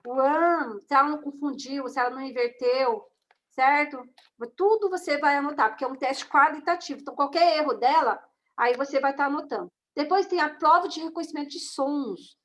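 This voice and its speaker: A woman's voice: high voice, a little fast, fairly bright tone. A woman with a Brazilian Portuguese accent, lecturing to an online class and often checking in with her listeners. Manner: conversational, with frequent tag questions to the class. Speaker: teacher of a course on reading and writing assessment. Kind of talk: online lecture walking through slides.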